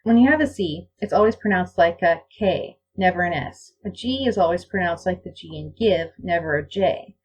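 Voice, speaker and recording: A woman lecturing on pronunciation over slides, reading example words out one by one, slowly and deliberately. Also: lowish voice, slightly rough, low-quality recording. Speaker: language teacher.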